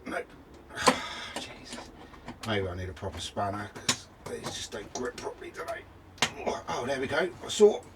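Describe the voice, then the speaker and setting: Low-pitched and very animated at a normal speed, a middle-aged British man mutters and grumbles while fixing things inside a motorhome. He's a travel vlogger talking casually to himself. Clicks and noise fill the recording from the nearby camera mic.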